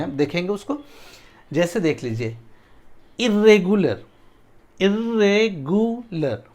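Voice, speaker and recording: A man teaching a spoken English lesson, drilling words syllable by syllable and often checking that his students follow. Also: sits high.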